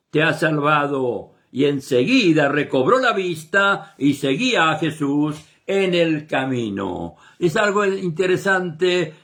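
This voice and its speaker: Slow, emphatic preaching man. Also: on the high side. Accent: Argentine Spanish. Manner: slow, emphatic preaching with dramatic rises and drops. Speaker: pastor. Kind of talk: sermon.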